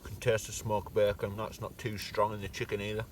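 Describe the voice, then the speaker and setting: Man, lowish voice, relaxed camping vlogger, joking food talk, distant mic outdoors. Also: fairly quick, a little hiss or hum. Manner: chatty, joking, savoring food aloud. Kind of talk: casual talk to camera while cooking. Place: outdoors at a wild campsite by a fire. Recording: distant camera mic, faint outdoor ambience.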